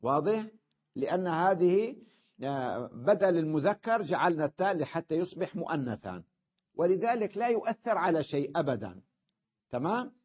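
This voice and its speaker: A man's voice: fairly high pitch, big pitch swings, moderate pace, husky, lo-fi sound. A male teacher giving a classroom lesson on Arabic grammar, explaining step by step and often checking that his students follow.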